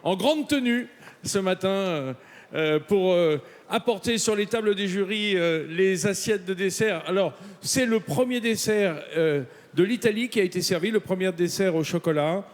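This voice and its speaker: A man's voice: high-pitched, moderate pace. A man commentating a live pastry contest, hesitant and full of fillers. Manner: hesitant, many fillers, switching to English. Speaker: event commentator. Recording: long hall reverb.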